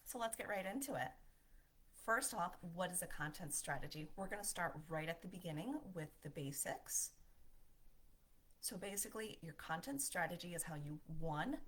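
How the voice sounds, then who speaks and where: A woman's voice: low-pitched, fairly bright tone, slightly rough. A woman giving a marketing lesson as a voiceover, upbeat and conversational, with a smile in her voice. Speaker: marketing instructor.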